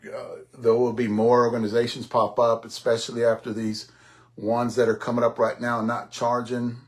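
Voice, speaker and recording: A man's voice: mid-range voice, monotone, moderate pace. A man in his sixties hosting a podcast in a rambling, casual monologue, often repeating himself and swearing offhandedly. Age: 60s. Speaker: podcast host.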